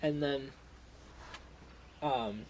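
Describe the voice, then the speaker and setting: A man's voice: mid-range voice, very slow, a little mellow, muffled recording, a little hiss or hum. Rambling young man running a tabletop game. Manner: casual, rambling, laughs often. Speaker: game master.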